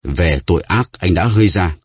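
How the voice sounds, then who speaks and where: A man voicing a stern, vengeful nobleman who speaks gravely and with command, in a deep husky voice. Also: no room sound. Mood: solemn. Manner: grave, measured.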